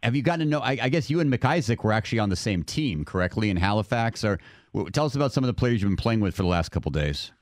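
A male radio host with a fairly low voice puts questions to a caller. He tends to stumble and repeat a word before his questions get going. The studio sound is close and dry. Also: lively intonation, quick pace, dry recording. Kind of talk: radio interview.

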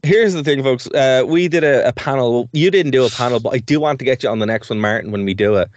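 A young Irishman co-hosts a community radio show, chatting casually and rambling, laughing easily between points. His voice is mid-range and fast, with no echo but dull audio.

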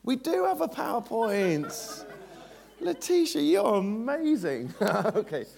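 In a very high, sing-song voice that is slow, slightly mellow and touched with vocal fry, a preacher begins an informal church sermon. He's chatty and self-deprecating, trading jokes with the congregation.

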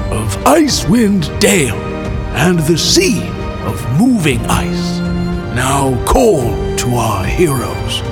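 Slow theatrical man narrating over music. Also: a little high. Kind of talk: dramatic recap narration. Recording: with music underneath.

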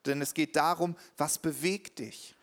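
A man interpreting a sermon live, quick and earnest, with the odd hesitation. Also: fairly high pitch, fairly even intonation, creaky, fairly bright tone.

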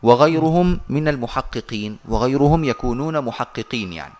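A man teaching Quran recitation over a video call, patiently explaining and slowly reciting verses. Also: mid-range voice, lively intonation, darkish tone.

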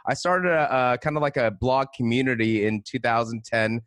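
A man's voice: mid-range voice, steady tone, normal speed, fairly bright tone, no room sound, clean studio sound. A man co-hosting a casual podcast, talking in a laid-back, slangy way with hesitant restarts. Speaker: podcast co-host.

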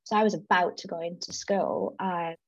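A woman in her thirties, raised in South Africa and North East England, chats casually as a podcast guest in an interview. Her voice is lowish with fairly even intonation at a normal speed; she laughs easily and restarts often. The recording is dry, with the highs cut off.

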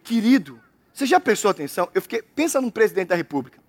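A man from Brazil preaching a lively sermon, acting out the voices in the story. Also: sits high, very fast. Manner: animated, acts out characters in quotes. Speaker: pastor. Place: church abroad.

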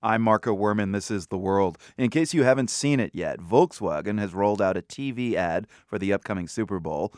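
A man hosting a radio news show, introducing stories and interviewing a guest in a brisk, lightly wry manner. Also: fairly low pitch, dry recording, clean studio sound.

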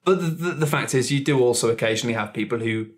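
Halting man musing on a podcast. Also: medium pitch, a little hiss or hum. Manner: thoughtful, halting with many restarts. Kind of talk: casual panel chat.

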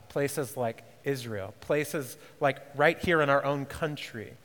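A man preaching a sermon as pastor, earnest, swinging from hushed to emphatic, with casual conversational asides. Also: medium pitch, long reverb tail. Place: church.

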